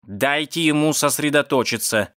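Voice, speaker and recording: A man's voice: on the high side, normal speed, a bit bright, no room sound, studio quality, voice pushed up, natural voice. A man voicing a grumpy, rude male cat stuck in a sewer, grumbling and snapping at the people above. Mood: irritable.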